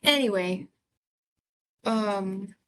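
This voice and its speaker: A woman's voice: medium pitch, very slow, rough recording. Chatty woman instructor on a video call. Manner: chatty, expressive storyteller. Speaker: nursing clinical instructor. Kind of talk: casual chat before an online class.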